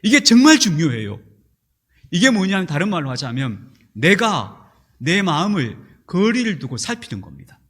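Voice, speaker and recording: A man's voice: high-pitched, sing-song, normal speed, fairly bright tone, slightly rough. A middle-aged male pastor preaching a sermon in a church, telling stories and acting out angry outbursts.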